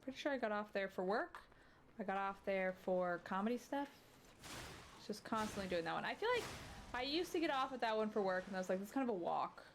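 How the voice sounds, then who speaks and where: A woman's voice: medium pitch, animated, brisk, slight background noise. A woman hosting a game playthrough, chatting in rambling asides and letting out sudden startled yelps. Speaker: let's play host. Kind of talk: casual gaming chat. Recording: game music under the voice. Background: game music.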